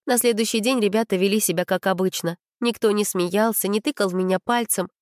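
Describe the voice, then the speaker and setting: A woman narrating a children's story in the first person, with expressive storytelling. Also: mid-range voice, brisk, dry recording, clean studio sound. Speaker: audiobook reader.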